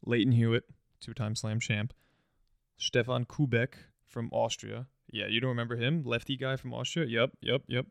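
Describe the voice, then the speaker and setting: A man's voice: medium pitch, level tone, normal speed, creaky, no echo, studio quality. A young man co-hosting a podcast, chatting casually in a laid-back, joking way with many "um"s. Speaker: podcast co-host.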